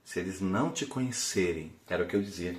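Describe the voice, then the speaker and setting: A man giving an emotional church testimony, dropping to a hush and then rising to near-shouts. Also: sits low, animated, fast. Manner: fervent, swings from hushed to near-shouting. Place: church hall. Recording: echoey hall with faint instrument.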